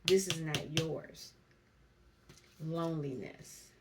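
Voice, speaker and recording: A woman giving a spiritual card reading to camera, speaking slowly and reflectively and reading card meanings aloud. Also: low-pitched, noisy background. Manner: slow, reflective, reads card text aloud. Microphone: camera mic.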